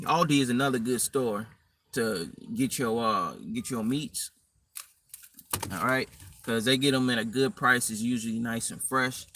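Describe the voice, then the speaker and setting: Blunt, profane man with a bright voice. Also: mid-range voice. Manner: blunt, profane, rambling slang. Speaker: dating and fitness vlogger. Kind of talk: casual advice monologue. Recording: distant mic with faint room noise.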